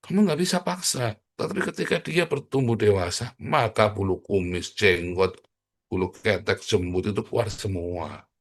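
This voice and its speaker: A man's voice: on the low side, moderate pace. A middle-aged man preaching a sermon in a blunt, joking, provocative manner, addressing the congregation as brothers and sisters. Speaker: pastor.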